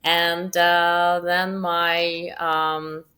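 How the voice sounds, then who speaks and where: A woman's voice: on the low side, little pitch movement, drawn-out words, bright, forceful tone. A woman in her late twenties or thirties with a Russian accent, chatting as an interview guest and filling her talk with "like" and "um". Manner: chatty, many fillers like "like" and "um". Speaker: guest, crypto marketing founder.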